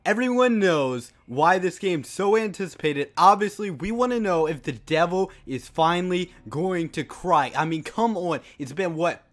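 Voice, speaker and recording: A young man hosting a game walkthrough, jokey and excitable. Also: high voice, normal speed, hardly any pauses. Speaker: gaming youtuber.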